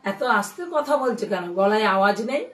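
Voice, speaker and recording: A strict, nagging mother-in-law, played by a woman scolds in a comedy skit, repeating herself as she lectures. Her voice sits at a middling pitch. It sounds distant, in an echoey room away from the mic. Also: expressive, quick pace, fairly bright tone, natural voice. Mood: puzzled.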